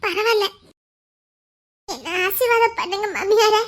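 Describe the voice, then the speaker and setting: A woman with a Tirunelveli Tamil accent playing a young woman who says a soft, tearful, polite goodbye in a comic skit. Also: very high voice, expressive, measured pace. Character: young woman tearfully leaving her family.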